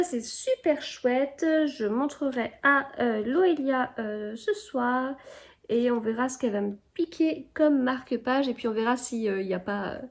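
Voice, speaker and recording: A woman chatting casually to her viewers in a home vlog, hesitant and full of fillers and restarts. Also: a little high. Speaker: vlogger. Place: home indoors.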